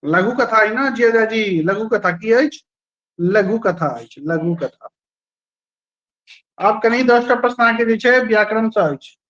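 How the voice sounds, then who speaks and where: A man's voice: extremely high pitch, fairly even intonation, moderate pace, fairly bright tone, lo-fi sound. A male teacher running a live online quiz class, repeating each question and its options and praising students by name.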